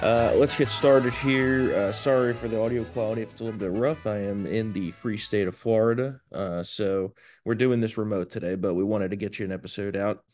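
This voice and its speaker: A man hosting a casual talk show over rough, low-quality remote stream audio, blunt and opinionated, sometimes swearing. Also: steady tone, brisk, darkish tone, dry recording, faint music behind. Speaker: show host.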